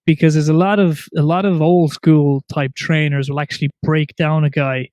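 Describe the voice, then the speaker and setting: A man's voice: on the high side, flat delivery, normal speed, darkish tone, dry recording. A man hosting a podcast, talking emphatically and repeating his phrases, with plenty of "yeah"s. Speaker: podcast host. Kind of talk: casual interview chat. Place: podcast studio.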